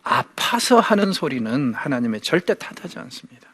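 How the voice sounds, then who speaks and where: A man's voice: on the high side, big pitch swings, normal speed, fairly bright tone, husky, dry recording. A man giving a Bible lecture, asking his listeners rhetorical questions and acting out quoted speech. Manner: asks the audience rhetorical questions; acts out quoted speech vividly.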